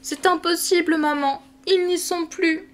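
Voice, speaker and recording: Storybook little girl, eager and pleading, pitched high and bright above the reader's own voice, a woman puts her on. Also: normal speed. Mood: tearful, insistent. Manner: pleading, breathless.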